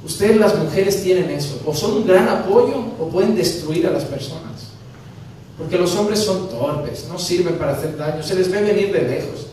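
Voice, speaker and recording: Man, pastor, animated sermon, booming echo, faint hiss behind. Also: normal speed. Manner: animated, acting out dialogues with humor. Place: church sanctuary. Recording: very echoey church from a distance, faint noise.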